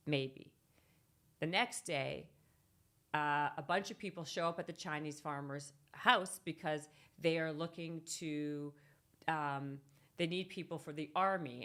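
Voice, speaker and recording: A woman with a notably low voice tells a parable in casual podcast chat. She talks animatedly, stumbling and restarting, with laughter breaking in. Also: a bit bright. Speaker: podcast guest.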